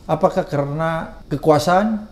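A man hosting a podcast interview, calmly asking questions and acknowledging answers with short replies. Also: fairly high pitch, a little slow. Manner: calm, brief prompts and frequent "oke" acknowledgements. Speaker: podcast host.

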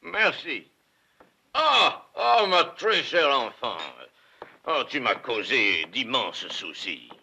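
An actor playing a witty, gallant gentleman thief posing as a count, in 1950s film style. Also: medium pitch, lively intonation, takes it slowly, gravelly, slightly rough, full character voice. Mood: fatherly. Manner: playful, gallant, ironic. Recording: dull old film soundtrack with music.

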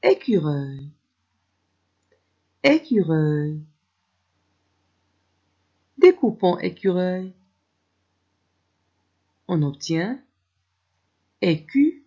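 Very slow, husky teacher voice. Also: medium pitch, very animated, dark tone, lo-fi sound. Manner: drawn-out syllable-by-syllable reading for children. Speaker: primary school teacher. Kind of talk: televised distance-learning lesson.

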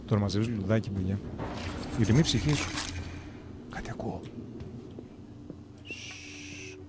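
A man's voice: fairly low pitch, heavy background noise. A man streaming a game live, joking and talking to himself and the game as he plays. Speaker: gameplay streamer. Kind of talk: live gameplay commentary. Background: game music.

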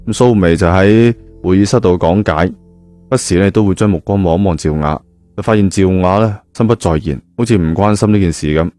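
Speaking in a low, warm voice at a brisk clip, a man with a Cantonese accent reads a novel like he's telling a story to a friend. His conversational delivery is peppered with spoken particles, and a music bed runs behind him.

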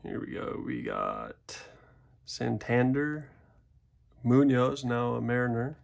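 A young man sits at an indoor desk hosting a card-opening channel, rambling and poking fun at himself as he comments on packs. His medium-pitched voice swoops wildly and moves slowly, sounding gravelly, and a little hiss or hum runs underneath.

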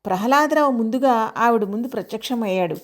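A woman narrating an audio story in a measured, expressive reading. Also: a little high.

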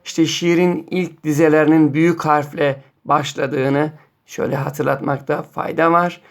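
A man teaching a primary school lesson on poetry, reading poems slowly and quizzing pupils by name. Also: on the high side, flat delivery, gravelly. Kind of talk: classroom lesson.

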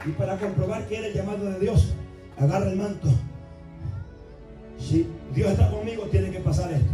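A man preaching a sermon as pastor, impassioned, dropping soft then rising to shouts while calling his listeners brothers. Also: high-pitched, steady tone, moderate pace. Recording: echoey room from a distance with music. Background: music.

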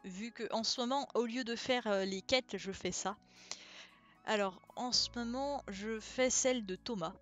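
A woman streamer reading a storybook aloud and chatting casually with viewers, relaxed and thinking aloud with many fillers. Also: fairly high pitch, a little slow. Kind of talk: casual live-stream chat and read-aloud. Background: faint background music.

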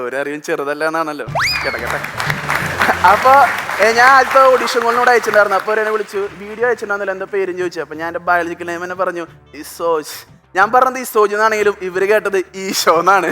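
A young man rattles through a stand-up routine at a breakneck pace, his voice pitched high and lively as he slips into impressions. He is performing on a television stage. Music and a live audience can be heard clearly behind him. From Thrissur, Kerala. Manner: rapid, animated storytelling with mimicked voices. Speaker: stand-up comedian. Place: TV studio stage.

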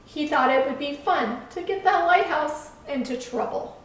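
A woman reading a children's story aloud in a gentle, measured way. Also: high-pitched. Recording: echoey room from far off.

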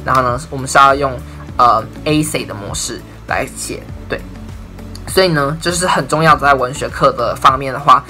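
Twenty-something taiwanese guy vlogging, chatty and casual, bright voice, light music in the back. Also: mid-range voice. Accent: Taiwanese Mandarin. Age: 20s. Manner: chatty, leans on "I'm telling you" and "and then". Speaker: university English major vlogger. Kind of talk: casual explainer talk to camera.

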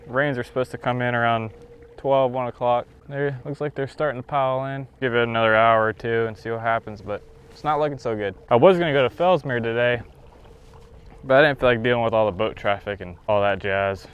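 A young man vlogs while fishing from a kayak on an open lake, talking casually to himself and the fish and laughing now and then, captured by a boat-mounted action camera. His voice is medium-pitched, fairly quick, clear and resonant, and the sound is lo-fi.

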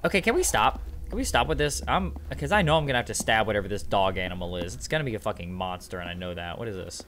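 A man commentating a horror game on a stream, with a lively, swooping voice that jumps sharply as he reacts. He swears a lot, sounds openly incredulous, and reads in-game inscriptions aloud as he goes. A faint hum sits in the background. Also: on the low side, fast talker. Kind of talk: let's play commentary.

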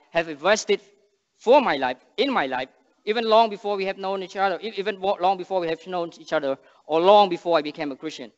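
A young man with a Cambodian accent preaches in earnest, halting English, often restarting his phrases and then rising hard on key words. His voice sits high for a man. It rings through a big sanctuary with a long reverb and comes across muffled. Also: a bit bright. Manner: earnest, halting non-native English with restarts and emphatic rises. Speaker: missionary speaker. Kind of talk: sermon with prayer. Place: large church sanctuary stage. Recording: long church reverb, dull sound.

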